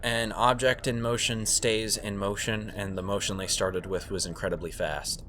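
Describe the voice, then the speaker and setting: A man's voice: lowish voice, fairly even intonation, normal speed, fairly bright tone. A man co-hosting a podcast in casual chat, joking around and explaining things with goofy comparisons. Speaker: podcast co-host.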